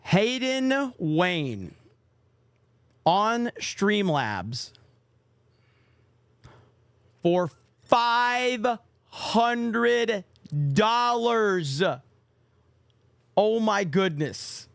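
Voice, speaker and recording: Extremely slow and sing-song, with long pauses, this high-voiced young man hosts a casual livestream podcast, reading viewer donations aloud and cursing offhandedly. His tone is gravelly yet smooth and fairly bright, with no room sound.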